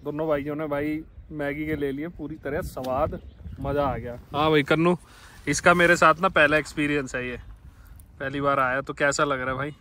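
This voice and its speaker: A young man vlogging a road trip, full of excitement and calling everyone brother. His voice sits a little high and sounds bright and forceful. A faint hiss of outdoor noise runs underneath. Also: normal speed. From India. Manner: enthusiastic, addresses viewers as brothers. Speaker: travel vlogger. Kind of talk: casual travel vlog chat. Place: inside a car, then outdoors on a mountainside.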